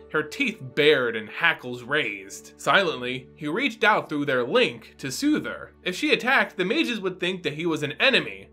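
Indoors in a small home room, a man acting as host narrates a dramatic story and explains it, theatrical and teacherly over background music. His fairly high voice is highly animated, pushed and bright.

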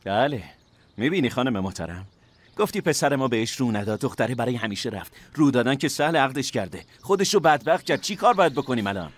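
An actor dubbing a calm but reproachful middle-aged family elder. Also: male voice, mid-range voice. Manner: reproachful, calming. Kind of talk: Persian TV drama dubbing.

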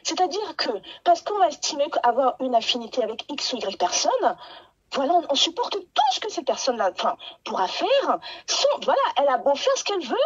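A woman's voice: high voice, highs cut off. A woman calling into a live stream, ranting assertively and repeating her points for emphasis. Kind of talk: heated opinion rant.

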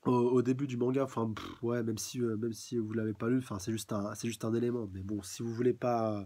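A man's voice: mid-range voice, level tone, a little fast, dark tone, a little hiss or hum. A young man doing a casual live review of a manga, talking hesitantly with many restarts.

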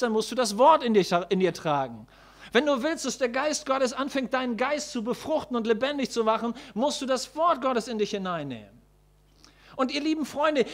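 A man with a very high-pitched voice preaching a sermon. He talks emphatically, repeats his key phrases and puts questions to the congregation. He slows right down to lean on single words. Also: fairly bright tone.

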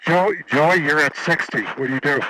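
A man's voice: on the high side, moderate pace, pushed and bright, poor audio. A man coaching trainees with short instructions over a mask intercom.

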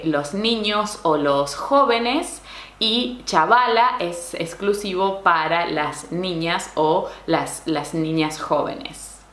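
A woman's voice: lowish voice, fairly bright tone, reverberant. A woman teaching Spanish slang, explaining patiently and checking in with little questions. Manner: explains slowly, keeps asking "¿no?" and "¿sí?". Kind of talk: language lesson explaining slang.

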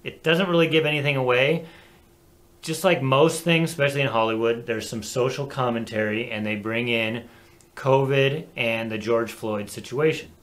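A man co-hosting a casual talk show, animated and chatty, laughing easily. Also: mid-range voice, normal speed. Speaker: co-host. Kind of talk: casual chat.

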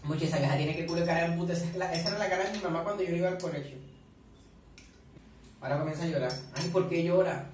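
A man's voice: fairly high pitch, racing, noisy background. A man doing chatty reaction commentary, swearing a lot and eating while he talks. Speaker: reaction vlogger. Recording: very echoey room, far from the mic.

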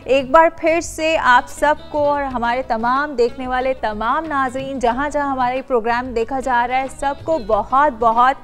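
A woman in her thirties hosts a TV cooking show with a high, bright-pitched voice. She chats easily, talks directly to the viewers and keeps prompting her guest, with faint music playing behind her in the studio. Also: steady tone, unhurried, few pauses. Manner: chatty, addresses viewers directly, many affirming hums. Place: bright studio kitchen set.

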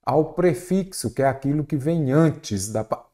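A man's voice: fairly high pitch, lively intonation, unhurried, dark tone. A male teacher with a Brazilian Portuguese accent, walking through exam questions step by step and asking his listeners questions as he goes. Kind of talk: exam prep lesson.

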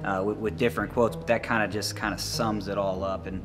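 A man's voice: lowish voice, level tone, music in the background. A man, a college wrestling coach, giving a casual tour of his facility and filling his talk with "you know" and "um". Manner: rambling, fills every pause with "you know" and "um".

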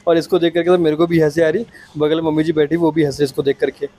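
A man's voice: fairly high pitch, flat delivery, fast talker, dark tone. A young man talking casually to his viewers as a vlogger, chatty and friendly with the camera. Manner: chatty, addresses viewers as guys. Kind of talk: casual vlog chat.

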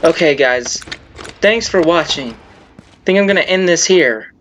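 Brief: young male gameplay host, high-voiced, slow-talking, easily spooked, game noise behind. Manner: jumpy, excitable, yelps when startled. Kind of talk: casual gameplay commentary. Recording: game sound under the voice. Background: horror game ambience.

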